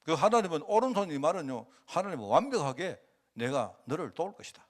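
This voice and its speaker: A man's voice: fairly high pitch, big pitch swings, fairly quick. A middle-aged male pastor giving a conversational sermon, asking rhetorical questions and acting out quotes.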